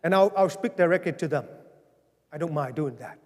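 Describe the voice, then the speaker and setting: A parish pastor with a Vietnamese accent addresses his parishioners at a town hall, earnest and pleading but with a wry, gentle humor. His voice is high and a little fast. The long, lingering reverb of a large church fills the sound.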